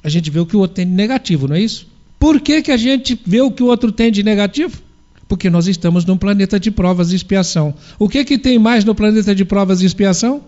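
A man delivers a spiritual sermon, asking rhetorical questions and then answering them himself. His voice is high-pitched, animated and dark in tone, and he talks fast. The recording sounds dull and lo-fi.

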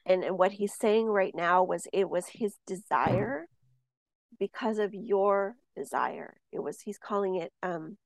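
A woman working as a medium and podcast co-host talks casually, passing on spirit messages and telling a personal story. Her medium-pitched voice is unhurried with vocal fry, and she rambles with many fillers and restarts, growing lively during stories. The recording has no room sound.

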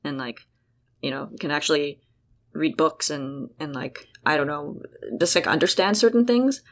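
A young South African woman with a low voice talks at a moderate pace as guest host of a casual chat between sisters. She rambles and sounds chatty, packing her speech with "like," fillers, and restarts.

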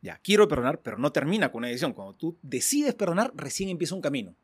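Animated, lively man priest. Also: on the high side, fast, breathy edge. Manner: animated, acts out little dialogues in other voices; laughs often. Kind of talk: casual chat.

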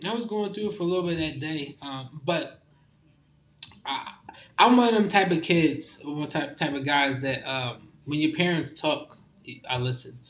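Young man talking in halting slang. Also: fairly high pitch, fairly bright tone. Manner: informal slang, halting restarts. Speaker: guest. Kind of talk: casual heartfelt conversation.

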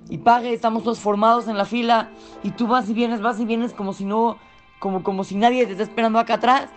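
A storyteller voicing an impatient rich man who shouts at someone holding up a checkout line. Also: medium pitch, lightly acted. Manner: yelling, indignant, rapid.

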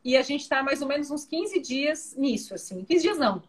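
A woman's voice: sits high, animated, normal speed. A woman hosting a casual call, chatty and enthusiastic. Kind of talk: casual video-call conversation.

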